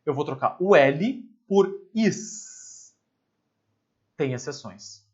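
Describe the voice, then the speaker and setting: A man's voice: on the high side, lively intonation, drawn-out words, darkish tone, muffled recording. A male teacher explains grammar in a chatty way, asking rhetorical questions and dropping asides. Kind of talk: recorded grammar lesson.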